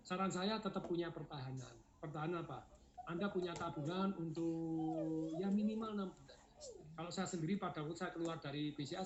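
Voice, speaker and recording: Man, middle-aged, high voice, motivational seminar talk, roomy dull recording. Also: slight background noise. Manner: energetic, laughing, urging the audience to shout. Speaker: seminar speaker.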